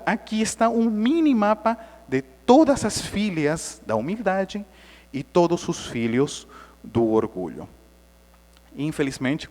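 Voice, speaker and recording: A high-pitched man tells a story to an audience and brings it to life with noises and quick voices. His pitch leaps around as he speaks, and a long hall echo trails each phrase. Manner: animated, acts out the story with sound effects. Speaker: Spiritist lecturer. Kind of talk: lively storytelling lecture. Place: lecture hall.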